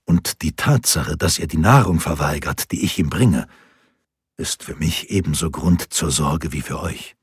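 A man voicing an earnest, careful middle-aged guard who explains himself in a measured way. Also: rumbling low, husky, no room sound, clean studio sound, full character voice.

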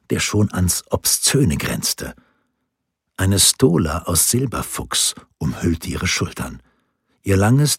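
A man narrating a historical novel in a measured, dramatic storytelling manner. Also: low-pitched, husky, no room sound, clean studio sound. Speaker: audiobook narrator.

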